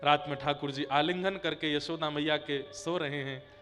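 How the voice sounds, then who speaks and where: A man's voice: a little high, steady tone, moderate pace, fairly bright tone. A male preacher telling a devotional story in an emotional, dramatic way. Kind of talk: devotional katha storytelling sermon. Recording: long hall reverb with faint music.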